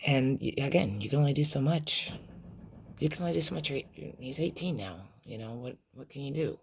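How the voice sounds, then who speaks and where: A middle-aged woman telling a personal story in a vlog, in a halting, emotional way with many restarts and trailing phrases. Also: extremely low pitch, animated, darkish tone, slight background noise. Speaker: vlogger recounting a loss.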